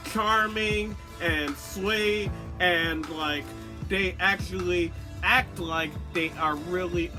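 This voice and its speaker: Blunt, lisping woman in a candid vlog. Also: on the low side. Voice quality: lisp, as when wearing a retainer. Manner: blunt, sweary, conversational. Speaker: vlogger telling a personal story. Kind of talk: candid casual storytime rant.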